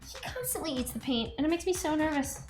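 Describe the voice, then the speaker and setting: A woman's voice: sits high, big pitch swings, quick pace, soft background music. A woman in her thirties hosting a stream, chatting casually and laughing often while she paints. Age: 30s. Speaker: stream host. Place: studio set with a table.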